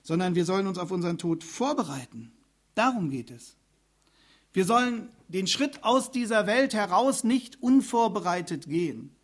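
An earnest middle-aged male pastor delivers a sermon, turning often to his listeners with direct questions. His voice sits high for a man and keeps a steady, serious tone. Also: normal speed. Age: middle-aged or older.

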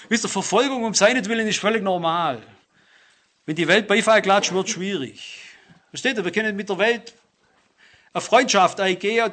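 Male preacher, earnest and emphatic, high voice. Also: a bit bright. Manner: earnest, emphatic, addresses listeners directly. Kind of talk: sermon.

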